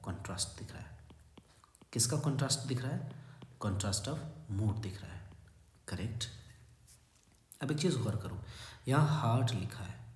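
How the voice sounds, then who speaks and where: A man's voice: on the low side, a little mellow. A male English teacher explaining a poem step by step in a mix of Hindi and English, often asking his students "correct?" and often dropping to a near whisper at the end of a phrase. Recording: echoey room.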